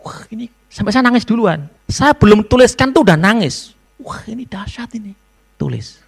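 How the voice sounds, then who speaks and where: A man gives a university lecture to students in a lively storytelling way, slipping into phrases. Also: high-pitched, moderate pace, vocal fry, husky. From Indonesia. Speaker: novelist giving a guest lecture. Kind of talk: public lecture.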